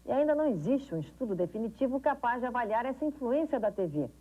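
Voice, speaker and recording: A woman's voice: fairly high pitch, sing-song, quick pace. A woman with a Brazilian accent reading scripted TV news, recorded on an old VHS tape. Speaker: TV news presenter. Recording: tinny, narrow-band 1990s VHS TV recording.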